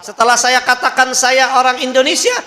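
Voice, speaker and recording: A man's voice: very high-pitched, steady tone, brisk, sharp tone. A man voicing an earnest young male religious student who is astonished, quoted in a sermon story. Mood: amazed. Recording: echoey hall.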